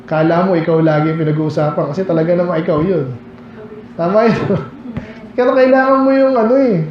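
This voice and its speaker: Filipino guy preaching, fairly high voice, chatty, lots of questions, muffled echoey church hall. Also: brisk. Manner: conversational preaching with rhetorical questions, reads King James verses aloud. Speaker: pastor. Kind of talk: Baptist sermon, Bible study.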